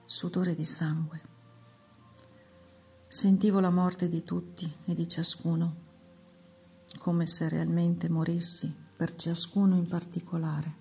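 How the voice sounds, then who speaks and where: The Lord, solemn and unhurried, read by a woman: dark, gravelly tone, hushed devotional recitation. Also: lowish voice, full character voice. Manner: slow, measured, hushed recitation. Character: the Lord, a solemn male divine voice. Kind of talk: devotional reading.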